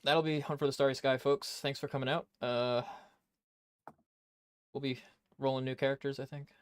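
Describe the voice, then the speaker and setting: A man running a tabletop game as game master, narrating scenes in a hushed, drawn-out way. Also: mid-range voice, level tone, clean tone, no room sound, faint music behind.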